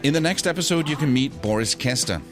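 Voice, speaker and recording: A man's voice: mid-range voice, animated, fast, over music. Man narrating scripted podcast links. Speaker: show host.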